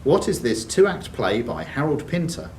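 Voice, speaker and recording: In a sports and social club room, a man reads out quiz questions as quizmaster, with brief banter between the scripted ones. His medium-pitched voice is sing-song and a little slow. A distant room mic picks him up, with faint background noise.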